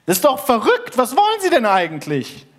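A man's voice: fairly high pitch, very animated, unhurried. A man voicing a traveler who is stuck holding a stranger's rope and grows exasperated. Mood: agitated. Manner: agitated, then firm.

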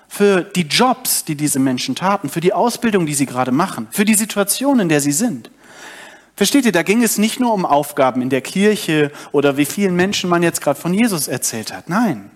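A young adult man giving a sermon, retelling a story and addressing the congregation directly. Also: sits high. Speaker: preacher.

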